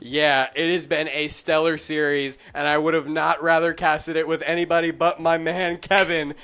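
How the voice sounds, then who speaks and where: A young man calling a college esports final in a high, bright voice. He talks excitably, and his pitch climbs whenever the play heats up. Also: normal speed, a little hiss or hum. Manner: excitable, rising pitch in big plays. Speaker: esports caster. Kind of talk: play-by-play commentary.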